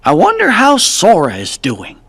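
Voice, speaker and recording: A man's voice: sits high, huge pitch swings, a little slow, background noise, full character voice. An actor playing a small, earnest male cricket who keeps a journal, in a game cutscene.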